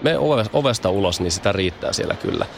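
A man's voice: lowish voice, lively intonation, vocal fry, background noise. A man speaking as a guest, explaining how sound affects people in a thoughtful conversational way, often repeating small words as he thinks.

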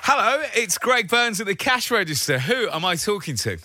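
Very bright, punchy male radio host. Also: sits high, sing-song, normal speed. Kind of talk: upbeat radio phone-in presenting. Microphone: close, dry studio microphone.

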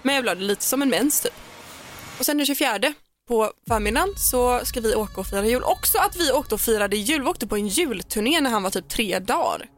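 A young woman co-hosting a podcast, telling a personal story in animated, quick casual chat and acting out what people said. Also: fairly high pitch, a little hiss or hum. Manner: animated, fast storytelling with acted-out quotes and laughter. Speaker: podcast co-host.

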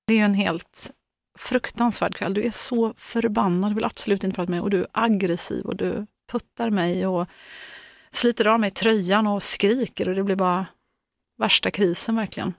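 A woman's voice: mid-range voice, steady tone, gravelly, no room sound. Middle-aged woman telling a hard story, keeps restarting, dry close sound. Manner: halting, many fillers and restarts. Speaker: guest, mother. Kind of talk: emotional personal account.

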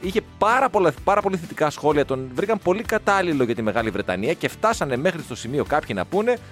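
A man chatting on a radio show, his voice sitting fairly high and jumping around a lot in pitch. He talks in casual, joking banter and eagerly builds on his partner's gags. A faint music bed plays behind him. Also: sing-song. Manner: playful, riffs on jokes with quick agreement. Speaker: radio co-host.

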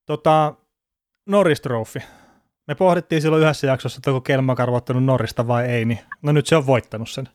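A man's voice: medium pitch, no echo. A man hosting a casual sports podcast, chatty and rambling, laughing now and then. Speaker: podcast host.

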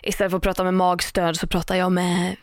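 A woman's voice: lowish voice, completely flat delivery. A woman co-hosting a casual podcast chat, talking in a loose, rambling way with lots of fillers and restarts. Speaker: podcast co-host.

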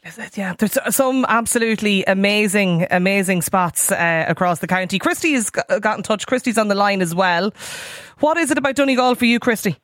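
A woman's voice: mid-range voice, lively intonation, brisk, a bit bright, no echo, studio quality. A woman with an Irish accent presenting a radio phone-in, reading out messages and chatting to guests. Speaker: radio host. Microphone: studio microphone.

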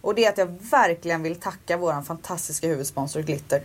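A pregnant woman co-hosting a podcast, chatting casually with frank opinions and lots of fillers. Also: lowish voice. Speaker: podcast co-host. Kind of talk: casual chat.

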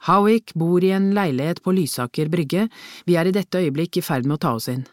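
A reader doing a commanding male police chief who snaps out orders fast and loud. The voice sits close to the mic in a dry, dead room, pushing each instruction with urgency. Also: medium pitch, dry recording, pitched above the performer's own voice, natural voice. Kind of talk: audiobook character voice.

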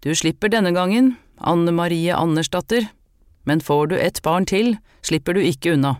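Narrator doing stern priest, loud and chanting, middle pitch, dry. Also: dry recording, close to an everyday voice. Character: stern male priest reading out judgment.

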